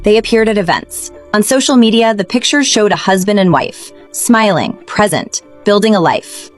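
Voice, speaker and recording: A woman narrating a true-crime story in a scripted, measured way, with dramatic pauses. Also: mid-range voice. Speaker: documentary narrator.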